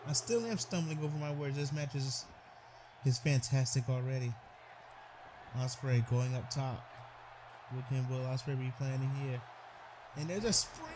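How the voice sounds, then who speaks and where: Excitable high-voiced male game commentator. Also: a little slow, background noise. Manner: excitable, stumbles over words, talks to the wrestlers. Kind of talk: play-by-play commentary over a video game.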